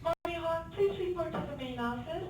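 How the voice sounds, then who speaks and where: A woman's voice: extremely high pitch, normal speed. A woman making an announcement over a school intercom, repeating a call for someone to come to the main office. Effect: over a school intercom loudspeaker. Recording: distant, muffled loudspeaker in a classroom.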